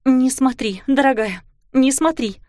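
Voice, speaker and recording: A steady stepmother, as a woman reader puts her on, coaxing and then insisting, her voice lifted a little above the reader's own. The sound is dry and close, like a storybook reading. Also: high voice, unhurried, no echo, pitched above the performer's own voice. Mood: soothing. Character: firm, soothing young stepmother.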